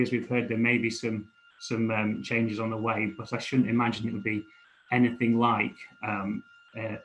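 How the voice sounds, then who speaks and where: Even-toned man, earnest and halting. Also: mid-range voice, poor audio. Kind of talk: speech of thanks and encouragement. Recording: faint background noise and hum.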